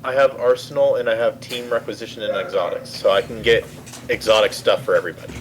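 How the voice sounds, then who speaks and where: A man's voice: lowish voice, steady tone, quick pace, poor audio. A man playing a tabletop game, chatting casually, hesitant at times but playful. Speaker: player.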